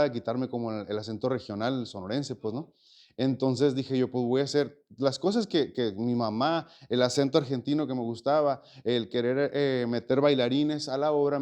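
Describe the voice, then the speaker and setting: A man in his forties from Mexico talks through an interview at an even middle pitch. He is reflective and loose, full of fillers and restarts as he gathers his thoughts. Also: fairly quick. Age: 40s. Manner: reflective, with many fillers and repeated words. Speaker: interview guest, actor and stage producer. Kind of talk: casual interview conversation.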